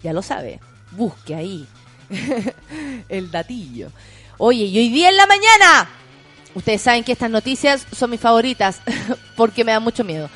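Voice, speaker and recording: A woman's voice: a little high, very animated, normal speed, fairly bright tone, soft background music. A woman with a Chilean accent hosting a morning show, chatting and reading the news and listener messages, giggly and theatrical. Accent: Chilean Spanish. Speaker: morning radio host. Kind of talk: casual chat and news reading.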